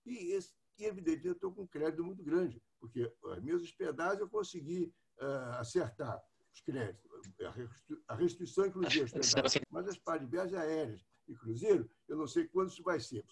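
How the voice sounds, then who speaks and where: A man in his eighties, at home on a video call, asking a long rambling question with some halting restarts. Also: a little high, animated, gravelly. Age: 80s. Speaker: club member asking a question.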